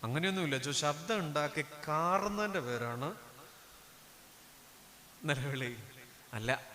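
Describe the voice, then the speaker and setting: A priest preaching a sermon, a man who swings from loud declamation down to low hushed asides. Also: a little slow. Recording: long hall reverb.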